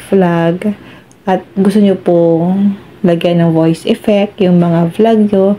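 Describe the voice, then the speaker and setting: A Filipino woman hosts a step-by-step phone tutorial, politely addressing viewers as she walks them through instructions. Her voice is lowish and mellow, and the recording quality is low.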